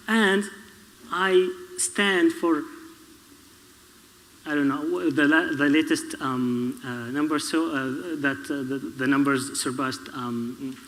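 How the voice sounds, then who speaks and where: Syrian man panelist, higher voice, halting delivery, reverberant hall. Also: fairly bright tone. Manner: halting, many fillers and restarts. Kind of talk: public panel discussion. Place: public event hall.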